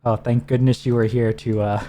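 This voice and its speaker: Mellow-voiced man guiding a game. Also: mid-range voice, moderate pace. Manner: relaxed, instructive, talks teammate through menus. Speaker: streamer co-host. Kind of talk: casual gameplay chat.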